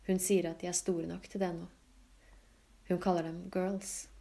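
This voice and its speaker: A woman reading literary fiction aloud in a calm, even, low-key way. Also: vocal fry. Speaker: audiobook reader. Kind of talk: scripted literary narration.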